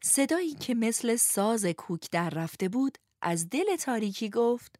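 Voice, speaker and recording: Woman, storybook narration, gentle and expressive, dry close voice. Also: fairly high pitch, dry recording. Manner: gentle, expressive, speaks to young listeners. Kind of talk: storybook reading.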